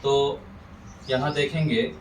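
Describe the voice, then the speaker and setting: Slow, deliberate man teaching pronunciation. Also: mid-range voice, steady tone. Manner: drawn-out, carefully enunciated examples, repeated for drilling. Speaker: Sanskrit teacher. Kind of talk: slow classroom-style pronunciation lesson. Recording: echoey room, distant mic, faint ambient noise.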